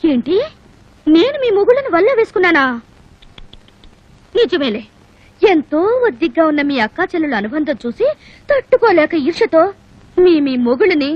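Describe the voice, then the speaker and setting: Brief: scornful young woman, sharp high voice, dull film audio. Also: dry recording. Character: defiant young woman scolding rival sisters-in-law. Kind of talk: film dialogue. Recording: dull film soundtrack with faint music.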